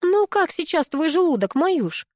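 A woman's voice: very high voice, very animated, a little slow, no room sound, clean studio sound, pitched above the performer's own voice, full character voice. A woman reading a story and voicing a worried, caring middle-aged mother on the phone who fusses with anxious questions. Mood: fretting.

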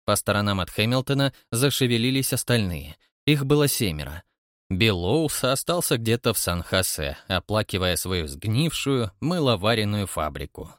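Male narrator, mid voice, steady measured reading, dry studio feel. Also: mid-range voice, no room sound. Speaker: audiobook narrator. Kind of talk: scripted narration.

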